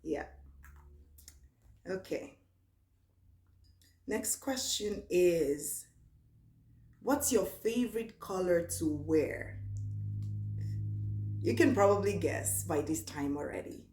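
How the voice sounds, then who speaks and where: In a question-and-answer vlog, a young Nigerian woman with a low, easygoing voice reads each question aloud slowly. She then answers in a relaxed, chatty way, her voice echoing around the room.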